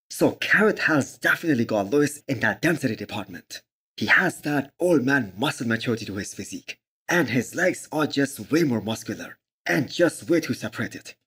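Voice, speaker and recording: Male fitness channel host for commentary voice-over: slightly rough, husky tone, medium pitch, opinionated and emphatic delivery. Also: fairly bright tone.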